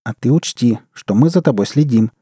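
A man voicing a calm, firm young woman who takes charge, in an audiobook. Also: mid-range voice, normal speed, slightly rough, no room sound, studio quality. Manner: quiet but firm. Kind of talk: audiobook character reading.

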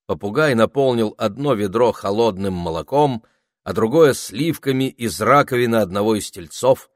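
A man narrating a children's fantasy audiobook in an expressive storytelling manner. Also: fairly low pitch, normal speed, dry recording, studio quality.

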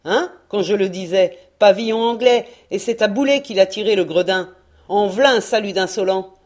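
A woman voicing a suspicious, boisterous old male sailor who shouts with loud, mocking excitement. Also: lowish voice, normal speed, natural voice. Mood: exultant.

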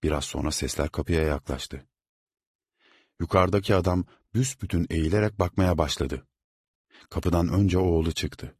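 Guy reading an audiobook, low husky voice, dry close sound. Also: dry recording. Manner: measured, steady reading. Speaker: audiobook narrator. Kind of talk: scripted narration.

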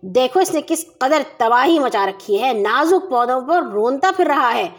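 A woman voicing a grumpy, hot-tempered male farmer in a children's story, grumbling and then shouting in anger. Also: on the high side. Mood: angry. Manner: grumbling, bursts into angry shouting.

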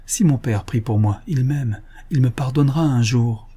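A man voicing a tearful, pleading young woman in an audiobook, reading her lines softly. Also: mid-range voice, normal speed, breathy edge, natural voice. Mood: sorrowful.

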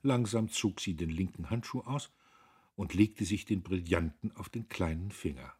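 A man with a husky voice narrating a classic novel as an audiobook, in an expressive, theatrical reading. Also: deep voice, moderate pace.

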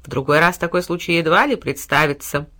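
A woman voicing a sly, flattering male cat who talks in a sugary, scheming way. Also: lowish voice, brisk. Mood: fawning. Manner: sugary, fawning, scornful aside.

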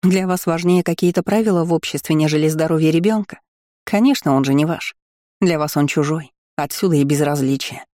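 A fierce young noblewoman in a storybook reading, as a man puts her on. Her voice sits a little high yet sounds mellow and warm. It is recorded close and dry. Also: a little fast, no echo, natural voice. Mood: indignant.

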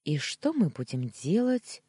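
A man voicing a tearful young wife who pleads softly and rattles on when upset, in an audiobook. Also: low voice, sing-song, unhurried, husky, no echo, voice pushed up, heavily acted. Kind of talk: audiobook character voice.

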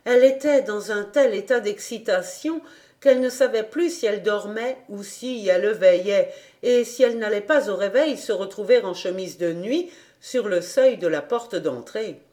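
Lady reading a kids' classic aloud, calm steady storytelling, mid pitch. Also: moderate pace. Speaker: volunteer audiobook reader. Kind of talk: audiobook narration of a classic novel.

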